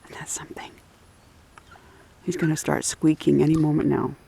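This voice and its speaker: A woman filming her dogs on a lakeside dock and chatting casually behind the camera, often dropping to a whisper and voicing the dogs in a high squeak. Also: flat delivery, moderate pace, creaky, mellow, a little hiss or hum. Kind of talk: casual home video narration.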